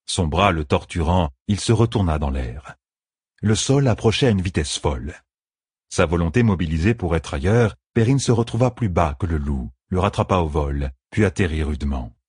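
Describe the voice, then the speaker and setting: A man reading a fantasy novel aloud in a steady, measured narration. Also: low voice, breathy edge, no room sound, studio quality. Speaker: audiobook narrator.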